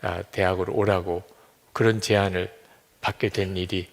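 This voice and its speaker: Older pastor guy preaching, kinda gravelly, church hall echo. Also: low-pitched, level tone, normal speed. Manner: storytelling, quoting church members in dialogue. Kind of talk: sermon.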